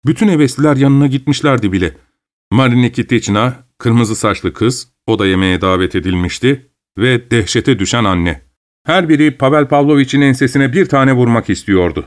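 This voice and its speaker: Calm male audiobook narrator. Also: mid-range voice, normal speed.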